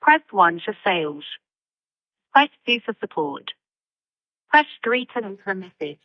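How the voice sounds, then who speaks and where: A woman's voice: medium pitch, measured pace. A synthetic woman's voice acting as an automated phone receptionist, reading menu prompts as it plays over a speakerphone. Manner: even, synthetic announcer delivery. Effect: played over a speakerphone. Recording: lo-fi speakerphone sound from off-mic.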